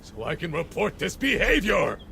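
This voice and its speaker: An actor playing an indignant, blustering male customer with a pompous manner and a gravelly voice in a game. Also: high-pitched, big pitch swings, moderate pace, bright, forceful tone, slight background noise, full character voice.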